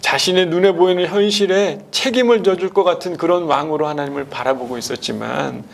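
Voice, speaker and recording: A male pastor preaching a sermon, asking the congregation rhetorical questions and swinging between loud and hushed delivery. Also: on the high side, brisk, vocal fry.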